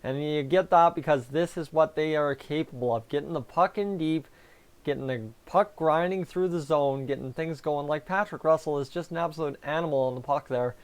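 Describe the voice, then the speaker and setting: A man's voice: fairly high pitch, moderate pace, smooth. A man hosting a live hockey fan reaction stream, chatting casually and answering viewers while talking with a sore, raw tongue. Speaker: fan livestream host.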